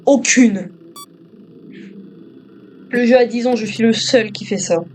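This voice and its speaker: A man's voice: very high voice, slow, a little mellow. A male gamer doing joking commentary on a horror game, talking to himself and to viewers as he plays.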